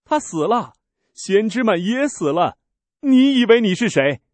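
Scornful, indignant crowd of accusing men, put on by a male reader, pitched high and loud. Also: sing-song, unhurried, no room sound. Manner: shrill, scornful outbursts.

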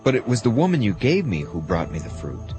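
A guilty, frightened first man, voiced by the male narrator, answers in a hesitant, subdued voice. His voice is very low but moves around a lot in pitch. Music plays beneath. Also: huge pitch swings, brisk. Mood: fearful. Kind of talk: dramatized scripture reading. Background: background music.

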